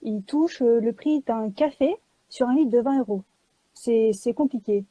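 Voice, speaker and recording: A woman publisher and illustrator talking in a live video chat, lively and joking, filling gaps with small words. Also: fairly high pitch, measured pace, no echo, rough recording. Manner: lively and joking, with many fillers.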